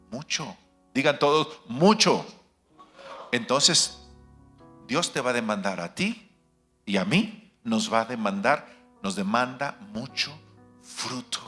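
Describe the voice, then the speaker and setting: A male pastor with a very bright, forceful voice delivers an emphatic sermon in a church. He peppers the congregation with rhetorical questions and moves between booming declarations and quiet asides. Soft instrumental music plays underneath. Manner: swings between loud declarations and hushed asides. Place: church sanctuary.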